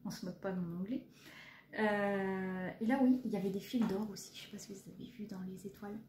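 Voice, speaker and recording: A woman's voice: medium pitch, steady tone, a little fast, darkish tone. Chatty woman in an echoey room. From France. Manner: chatty, hesitant, many fillers, self-deprecating. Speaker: cross-stitch vlogger. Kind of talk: casual show-and-tell chat. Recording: echoey room, faint background noise.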